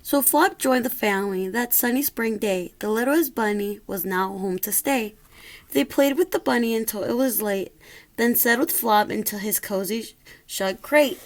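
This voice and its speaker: A woman with a fairly high voice reads a rhyming picture book for children. Her delivery is expressive and story-like, with an occasional small stumble over the words. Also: moderate pace. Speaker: storybook reader.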